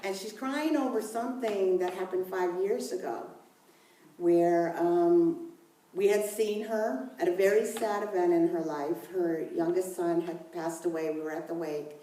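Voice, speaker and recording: A woman's voice: lowish voice, unhurried, dark tone. Lady minister preaching, chatty and laughing easily, big echoey church sound, mic kinda far off. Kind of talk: sermon with personal storytelling. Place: church sanctuary. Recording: echoey room, mic at a distance.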